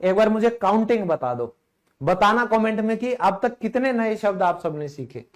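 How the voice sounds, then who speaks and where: Guy teaching english online, kinda hoarse, high voice, keeps asking viewers questions. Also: expressive. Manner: chatty, quizzes viewers with rhetorical questions, slows down to pronounce words. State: slightly hoarse. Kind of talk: online grammar lesson.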